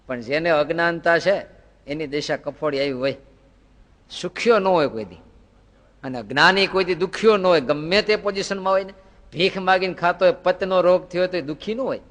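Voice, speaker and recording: A spiritual teacher delivers a devotional sermon full of rhetorical questions and folksy anecdotes. His voice is fairly high and a bit bright. A long hall reverb trails his words.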